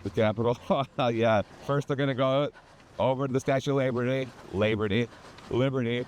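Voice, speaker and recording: A man trading casual, sarcastic, deadpan jokes while out running. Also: mid-range voice, fairly quick, slight background noise. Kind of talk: casual banter on a run.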